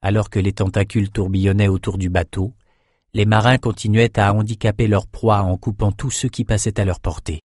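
Low-voiced male audiobook narrator. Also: dry recording, studio quality. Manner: measured, steady storytelling. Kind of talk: scripted fantasy narration.

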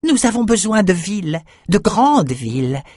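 This is a man's take on a wild-eyed albino shaman in a spoken storybook, crooning his prophecies in a lilting, sing-song voice. He lingers on every word and swings widely between high and low. The recording is close and dry. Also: very animated, measured pace, a little mellow, no echo, heavily acted. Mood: feverish urging. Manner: singsong, chanting. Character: excitable albino male shaman, singsong, unhinged. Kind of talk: audiobook character voice.

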